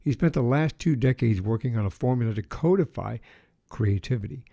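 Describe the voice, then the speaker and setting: A man hosting a podcast, reading a scripted intro and then chatting with a guest in a measured way, pausing with fillers. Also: medium pitch, animated, creaky, mellow. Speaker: podcast host.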